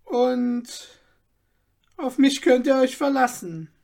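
Guy doing a squeaky old tailor, greedy and jumpy, fairy tale reading. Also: takes it slowly, heavily acted. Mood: shrewd. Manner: excitable, haggling.

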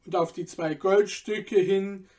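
Calm male narrator, high voice, slow, measured storybook delivery.

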